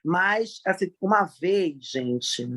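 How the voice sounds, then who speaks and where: A woman's voice: lowish voice, lively intonation, very slow, fairly bright tone. A woman with a Brazilian Portuguese accent, a podcast guest who tells stories expressively and acts out the quotes. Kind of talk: animated storytelling.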